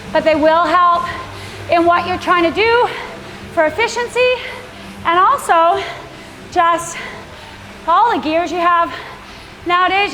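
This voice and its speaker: Bright and forceful, her extremely high voice drives a cycling workout as she projects encouraging cues and countdowns. The recording captures an echoey room with workout music playing.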